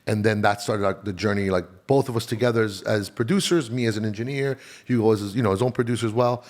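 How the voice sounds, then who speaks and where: A man's voice: on the low side, fairly even intonation, fast talker, darkish tone. A middle-aged man, born in Chile and raised in Miami, chatting casually as a guest in a slangy, laid-back way. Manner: laid-back slangy talk, calls host dog and bro. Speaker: guest, audio engineer. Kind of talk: casual podcast chat.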